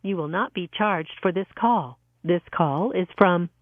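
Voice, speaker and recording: A woman's voice: on the low side, measured pace, dry recording. Automated phone-line message, a woman's voice. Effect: automated recorded message over a phone line. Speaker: automated prison call announcement. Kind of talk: scripted recorded phone prompt.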